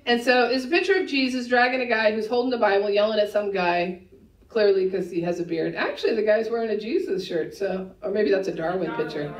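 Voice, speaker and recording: A woman pastor preaching a sermon to her congregation, conversational and teasing, with quick laughs in her asides. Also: medium pitch, far from the mic. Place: church sanctuary. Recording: echoey church room, voice a bit off-mic.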